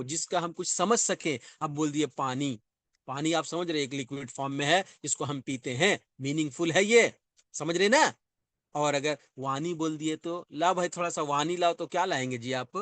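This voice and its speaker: A man with a fairly high voice lectures on grammar, explaining step by step. He repeats each term and keeps checking that his students follow. The sound is dry and close, with no room echo. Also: a bit bright. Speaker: Arabic grammar teacher. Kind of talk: classroom lecture.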